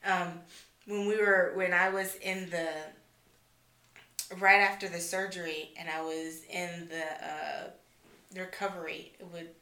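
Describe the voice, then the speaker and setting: A woman tells her stories in a casual, animated way, laughing often and acting out what people said. Her voice sits a little low but sounds bright and forceful. The sound carries a noticeable room echo. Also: measured pace. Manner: animated, laughing, acts out quotes. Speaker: podcast guest. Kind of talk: casual storytelling chat.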